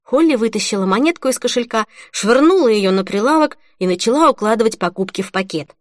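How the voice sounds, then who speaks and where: A woman reading a novel aloud as an audiobook narrator, in an even, measured way. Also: fairly high pitch, no echo, studio quality. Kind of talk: scripted narration.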